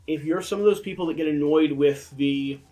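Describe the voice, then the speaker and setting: A man's voice: on the high side, mellow. A man hosting a casual board game review discussion, with a lisp that draws his s sounds out like a snake. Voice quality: lisp with drawn-out, hissy snake-like s.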